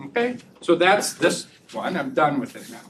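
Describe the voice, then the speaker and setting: A man giving an academic research talk and taking audience questions, chatty and relaxed, laughing easily and often restarting sentences. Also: fairly high pitch, moderate pace. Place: lecture room. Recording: distant mic with faint room noise.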